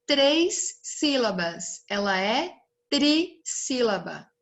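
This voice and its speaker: A woman's voice: fairly high pitch, sing-song, extremely slow, fairly bright tone. A young Brazilian woman teaching a recorded lesson to children, stretching out words and asking the pupils questions. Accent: Brazilian Portuguese.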